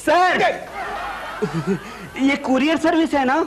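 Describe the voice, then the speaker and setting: Shy lovesick young fella, pleading, high voice, old sitcom. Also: male voice, slow, a little hiss or hum. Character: lovesick young man pleading to send letter. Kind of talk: 1990s TV sitcom acting.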